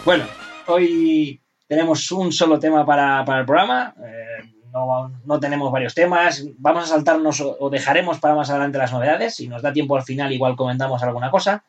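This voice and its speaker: A man's voice: fairly high pitch, brisk, recorded from a distance, dull audio, faint music behind. A man with a Spain Spanish accent casually hosting a hobby podcast, repeating phrases as he steers the talk. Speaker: podcast host.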